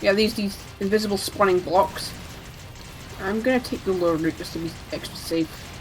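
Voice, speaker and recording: A woman's voice: mid-range voice, moderate pace, rough recording. A woman speedrunner giving casual live commentary on her own run, chatty and full of joking asides.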